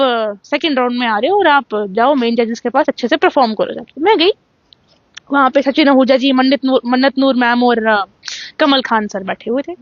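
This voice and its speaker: A young woman from Jammu, a singer being interviewed, telling her story in a lively way and acting out what the judges said. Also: high voice, no echo, lo-fi sound. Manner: animated storytelling, acts out quoted judges. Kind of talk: casual interview.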